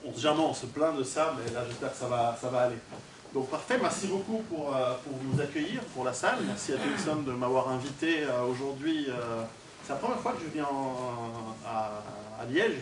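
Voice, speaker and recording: At a moderate pace and medium pitch, an animated Swiss author giving a guest lecture talks casually and jokes with the crowd, putting questions to them as he projects unamplified. It was recorded from afar in an indoor hall by a distant camera or recorder, leaving the audio echoey and noisy.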